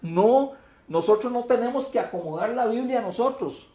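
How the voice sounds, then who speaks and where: A man preaching a sermon with emphatic delivery, rising into loud declamation when he reads scripture aloud. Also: extremely high pitch, animated, moderate pace, roomy sound.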